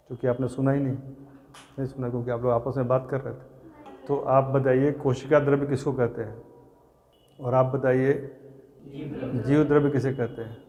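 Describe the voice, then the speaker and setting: A man teaching a classroom of exam students, repeating terms slowly and quizzing and scolding his students. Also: medium pitch, darkish tone. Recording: reverberant classroom.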